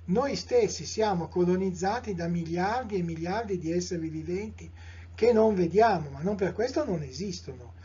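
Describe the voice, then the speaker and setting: A middle-aged Italian-accented man delivers a live lecture, speaking in a measured, discursive way and often turning to his listeners with rhetorical questions. His voice is dark, mellow and strongly husky, sitting a bit high for a man. The live recording sounds dull and lo-fi. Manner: measured, discursive, with frequent fillers and self-corrections.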